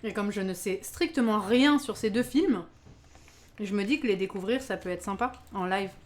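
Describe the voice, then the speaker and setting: A woman's voice: medium pitch, normal speed. A woman hosting a live baking stream, chatting casually with her viewers, exclaiming over her work and laughing often. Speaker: live-stream cooking host.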